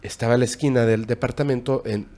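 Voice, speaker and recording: Speaking in a hushed, halting way, a Mexican-accented man shares a scary story as casual storytelling. His voice sits in the middle range, and he keeps his tone low and calm, with frequent pauses.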